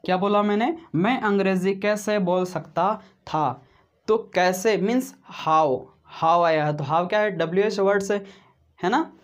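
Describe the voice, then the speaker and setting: Male online tutor, slow and methodical, repeats examples and checks with a "right?" tag, friendly to viewers. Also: sits high. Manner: slow and deliberate, says he explains step by step. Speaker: teacher. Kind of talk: video grammar lesson.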